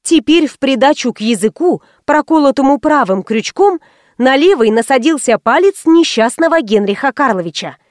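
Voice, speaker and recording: A woman narrating an audiobook in the first person with wry, lively storytelling. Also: high voice, normal speed, no room sound, clean studio sound.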